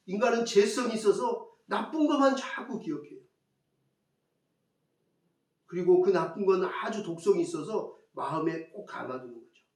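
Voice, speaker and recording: A male pastor preaching a sermon, putting rhetorical questions to the congregation and repeating key phrases for emphasis. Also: high voice. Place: church. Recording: echoey church hall, mic at a distance.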